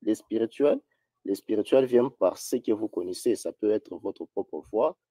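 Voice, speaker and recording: A man's voice: lowish voice, normal speed, warm tone, breathy edge, no echo. A man speaking as a debate guest, formal and hesitant, stammering as he answers. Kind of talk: debate on a call.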